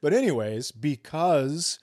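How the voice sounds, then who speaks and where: A comedy podcast co-host with a fairly high, darkish-toned voice tells stories slowly but very animatedly. He is casual, blunt and foul-mouthed, swearing freely and acting out the exchanges he quotes.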